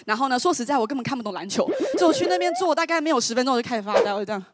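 A woman, telling a personal story in an animated, exclamatory way. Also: on the high side, very fast, dry recording. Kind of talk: lively storytelling. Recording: voice over loud background music. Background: background music.

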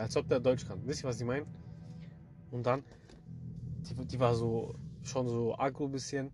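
A young man telling a horror story to his listeners in slangy, casual speech, often turning to address them directly. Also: mid-range voice. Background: background music.

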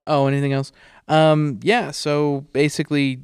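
A man hosting a casual podcast, talking in an informal, halting, self-deprecating way, close on the microphone. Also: on the high side, little pitch movement, clean tone, no room sound. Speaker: podcast host. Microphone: close podcast microphone into a mixer.

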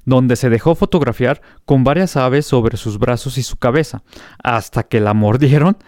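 A man's voice: mid-range voice, moderate pace, darkish tone, dry recording, studio quality. A Mexican man hosting a casual comic news show, chatty and hesitant with frequent fillers.

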